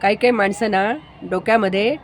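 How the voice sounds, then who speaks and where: A woman voicing a calm, humble rickshaw driver. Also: high voice, a little fast, slight background noise, close to an everyday voice. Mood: explaining calmly. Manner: gentle, patient, homespun wisdom.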